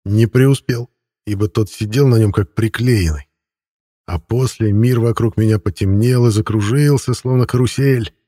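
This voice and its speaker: Low husky male audiobook narrator. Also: normal speed, dark tone, no echo, clean studio sound. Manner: wry, conversational storytelling. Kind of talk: first-person audiobook narration.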